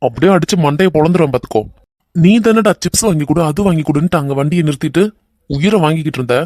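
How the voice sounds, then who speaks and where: A man voicing a young husband in an animated romance, earnest and bantering in a Kanyakumari Tamil accent. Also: fairly high pitch, fast talker, no room sound, clean studio sound, lightly acted. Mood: playful banter.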